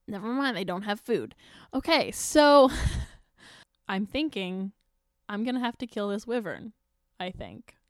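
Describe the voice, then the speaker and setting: A woman's voice: medium pitch, animated, unhurried, pauses often. A woman playing a tabletop role-playing game casually, with a playful, self-deprecating manner. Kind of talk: casual improvised tabletop play.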